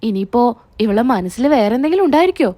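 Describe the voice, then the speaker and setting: A woman's voice: on the high side, big pitch swings, fast talker, mellow, voice pushed down. Woman reading as a suspicious brooding young man. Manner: wondering, suspicious.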